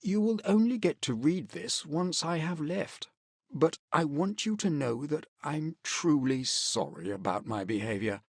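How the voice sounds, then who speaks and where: A man's voice: fairly high pitch, animated, measured pace, breathy edge, no room sound, studio quality, full character voice. A man playing a contrite, courtly adventurer reading his letter in a game story, formal, earnest and theatrical. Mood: remorseful, hopeful.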